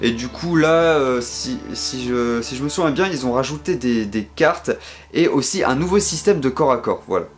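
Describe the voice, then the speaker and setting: Man with a French accent, mid-pitched, hesitant casual vlog delivery with lots of fillers, soft music bed. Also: animated, moderate pace. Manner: hesitant, many fillers and restarts. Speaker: game collector showing his purchases. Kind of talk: casual video commentary.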